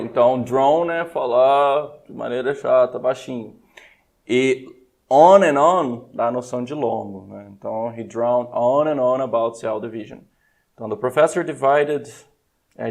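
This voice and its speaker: A man's voice: mid-range voice, creaky, darkish tone. A man with a Brazilian accent teaching an English exam prep class live, upbeat and coaxing, switching often between Portuguese and English. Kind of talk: live online class explanation.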